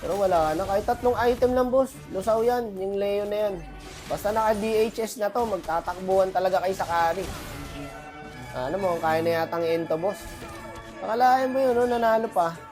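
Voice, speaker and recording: A man's voice: high-pitched, fairly quick, darkish tone, faint music behind. A man with a cold giving chatty, boastful gameplay commentary to his viewers as a streamer. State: has a cold, voice affected. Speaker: gaming streamer.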